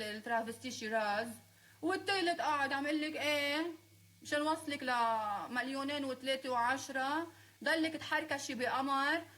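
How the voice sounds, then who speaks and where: A woman's voice: sits high, fairly bright tone. A woman with a Lebanese accent, speaking on a live stream in a heated, confrontational and sarcastic rant, scolding her critics.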